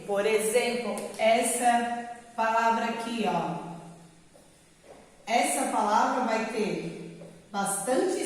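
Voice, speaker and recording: A Brazilian woman teacher with a fairly high voice talks young pupils through a lesson at a slow, careful pace. Her explaining is patient, and she keeps checking that the children follow. The recording is very echoey, with a long reverb trailing each phrase. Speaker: primary school teacher.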